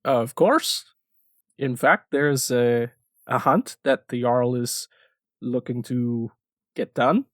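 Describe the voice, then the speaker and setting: A man voicing a formal, courteous male Nord town official with an exaggerated Scandinavian accent, in a measured delivery. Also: mid-range voice, no echo, studio quality.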